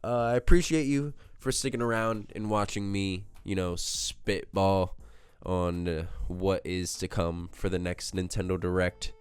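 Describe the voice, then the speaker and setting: Sitting low in pitch with fairly even intonation, a gaming host with cold-clogged sinuses speculates on his own to camera, speaking a little slowly with few pauses. His rambling, self-mocking chatter and jokey tangents come through a desk microphone clear and resonant, with no room sound.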